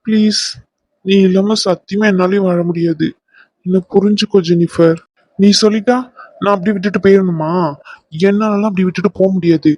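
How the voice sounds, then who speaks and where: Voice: mid-range voice, fairly even intonation, a little fast, pauses often, darkish tone, no echo, close to an everyday voice. A performer voicing a young man who pleads with his ex and then turns threatening. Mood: pleading. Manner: insistent, clingy, pushy.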